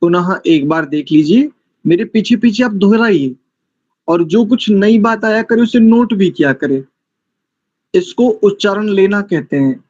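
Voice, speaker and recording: A man teaching a mantra recitation class, chanting and breaking words down syllable by syllable with deliberate care. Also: high voice, expressive, darkish tone, highs cut off. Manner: slow, deliberate, syllable-by-syllable drilling.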